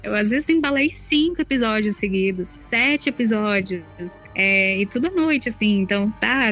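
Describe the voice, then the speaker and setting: A woman with a Brazilian Portuguese accent, a guest on a casual podcast, chatting in a lively way. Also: a little high. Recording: slightly dull recording.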